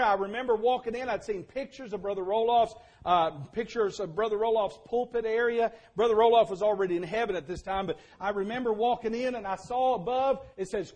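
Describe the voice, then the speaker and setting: An older man preaching a sermon, telling stories and building to fervent shouts. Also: high-pitched. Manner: storytelling, builds to shouting at climaxes.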